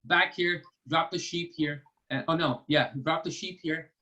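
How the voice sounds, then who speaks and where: On a muffled recording, a man with a fairly high, pushed and bright voice leads children's storytime and trivia via video call. His intonation stays fairly even and his pace measured as he patiently walks the kids through each step, encouraging them in a relaxed teaching style.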